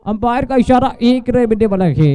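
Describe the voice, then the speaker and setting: A man giving excited live cricket commentary in Hindi mixed with English phrases, building to loud exclamations on big shots. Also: extremely high pitch, moderate pace, smooth, dry recording. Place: live at a local cricket tournament.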